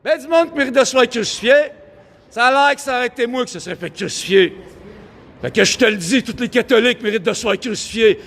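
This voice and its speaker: Québécois man, very high voice, rapid-fire street vlog rant, preachy and grandiose, outdoors downtown. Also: a bit bright. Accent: Québécois French. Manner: rambling, preachy, grandiose, frequent giggles. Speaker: vlogger. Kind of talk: rambling street vlog monologue.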